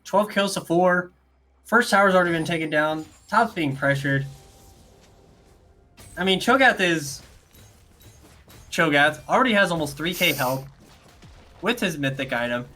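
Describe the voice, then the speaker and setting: High, lively male esports caster. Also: a little slow, long pauses, soft background music. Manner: excitable, jokey, rambling asides. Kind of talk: live play-by-play commentary.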